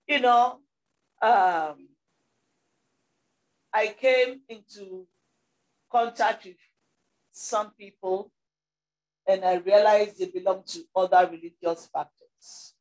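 A woman pastor preaching a sermon with emphatic swings between loud declarations and softer asides. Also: mid-range voice, steady tone, slow, long pauses, reverberant, poor audio.

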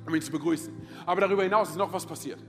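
A man preaching a passionate sermon as pastor, peppering his talk with "hey" and moving from loud calls to hushed, intense passages. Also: fairly high pitch, racing, faint music behind. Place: large church hall with music behind. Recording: live church hall with long reverb.

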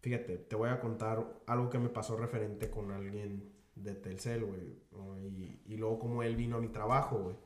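A man's voice: lowish voice, normal speed, few pauses, echoey room. A man with a Mexican Spanish accent, slightly nasal, casually telling a story on a podcast, full of slang. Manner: slangy, animated anecdote teller, peppers speech with "güey". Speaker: podcast host.

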